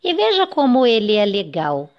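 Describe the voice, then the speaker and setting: A woman voicing a gentle father giving his daughter kind advice. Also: fairly high pitch, wildly swooping pitch, moderate pace, highs cut off.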